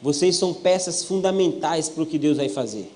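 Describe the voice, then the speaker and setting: With lively intonation at a normal speed, a young Brazilian man preaches as a pastor in a comic testimony sermon, acting out people's words and joking through his own story. His voice has a fairly high pitch and a darkish tone.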